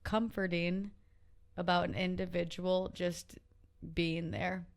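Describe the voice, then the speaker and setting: A woman's voice: fairly low pitch, little pitch movement, slow. A woman hosting a podcast, talking candidly and searching for words, with some casual swearing. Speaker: podcast host.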